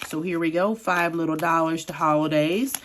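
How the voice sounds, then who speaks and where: A woman with a lowish, slightly raspy voice talks her viewers through her budget in a relaxed, chatty vlog. She counts money out loud as she goes, easy and conversational. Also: moderate pace, slight background noise. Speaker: budgeting vlogger. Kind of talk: casual vlog narration.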